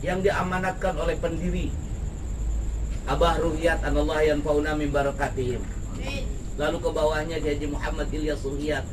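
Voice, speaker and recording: A lively preacher calling to a crowd outdoors. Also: male voice, fairly high pitch, normal speed. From West Java, Indonesia. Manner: lively call-and-response preaching. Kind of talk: sermon. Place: outdoor evening gathering with a crowd. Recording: distant mic with background noise.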